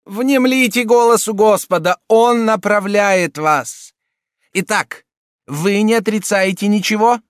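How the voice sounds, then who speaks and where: Thundering scheming old cardinal played by a male reader, high-pitched and loud, for a dry audiobook. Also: slow, smooth, no echo. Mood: relieved. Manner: shouting, thundering, hectoring. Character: wrathful scheming elderly male Italian cardinal.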